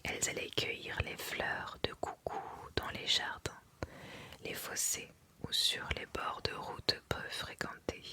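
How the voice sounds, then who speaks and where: Very slow, bright whispered ASMR reading. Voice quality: breathy, unvoiced whisper. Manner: slow, careful reading with deliberate pauses. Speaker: ASMR reader.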